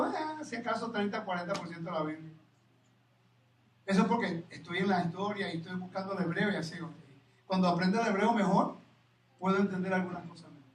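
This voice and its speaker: Man preaching, very high voice, animated rhetorical questions, echoey hall, distant mic, faint room hum. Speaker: Torah teacher. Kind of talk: sermon. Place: congregation hall.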